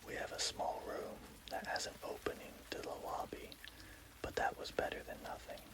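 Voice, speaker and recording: A person telling a scary story in a hushed, slow, deliberate ASMR whisper.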